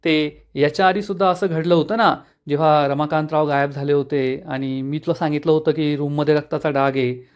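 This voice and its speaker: A man's voice: fairly high pitch, level tone, fairly quick, smooth, lightly acted. A man voicing an apologetic middle-aged uncle in a retold TV serial. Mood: sheepish.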